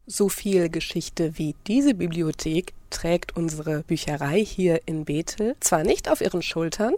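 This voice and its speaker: A woman reporter narrating a scripted radio feature in a steady, clear reading voice. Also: fairly low pitch, a little slow, dry recording.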